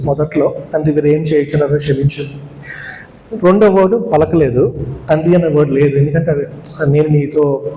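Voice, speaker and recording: A man's voice: on the high side, warm tone. A male preacher giving a sermon, emphatic, repeating key words and asking his congregation rhetorical questions. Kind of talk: Good Friday sermon. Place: church hall. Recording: echoey church hall, long reverb, faint noise.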